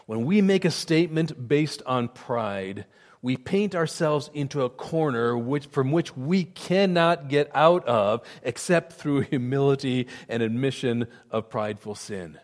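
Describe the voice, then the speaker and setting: A man's voice: medium pitch, animated, measured pace. A man preaching a sermon as pastor, earnest and emphatic, often repeating words for stress. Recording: long reverb of a hall.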